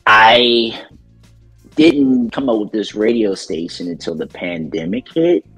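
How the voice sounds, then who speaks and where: Slow, husky low-voiced man. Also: faint music behind. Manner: relaxed, rambling storyteller with many ums. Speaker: DJ and radio station owner. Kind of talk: casual interview conversation.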